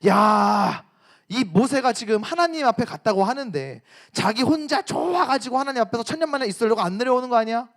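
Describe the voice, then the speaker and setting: A fretful crowd of ancient wanderers, voiced by a preacher, hurried and anxious. The voice is high and lively, with complaints spilling out. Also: male voice, heavily acted. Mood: worried. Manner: worried, hurried.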